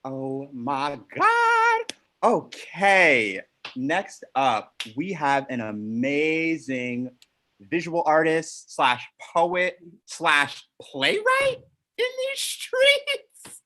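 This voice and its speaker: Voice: medium pitch, wildly swooping pitch, very slow, bright, forceful tone. A host of a live online showcase who gushes and exclaims between acts. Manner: effusive, exclamatory, gushing.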